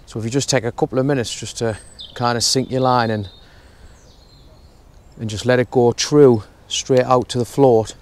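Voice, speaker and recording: A young man explaining his fishing setup in a relaxed, step-by-step way while outdoors at a lake. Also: mid-range voice, normal speed. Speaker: fishing vlogger. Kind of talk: casual how-to narration. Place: outdoors at a lakeside bank.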